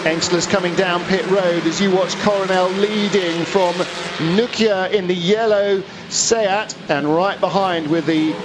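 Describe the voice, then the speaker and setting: A man commentates live on motor racing in a high-pitched voice. He gives a running play-by-play, posing questions and correcting himself as he goes. Loud car and trackside noise sits behind him.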